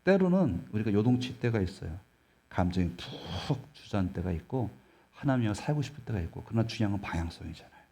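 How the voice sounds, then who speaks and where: A male pastor preaches a sermon emphatically and with animation, often putting questions to the congregation. His voice is on the low side, and he speaks fast.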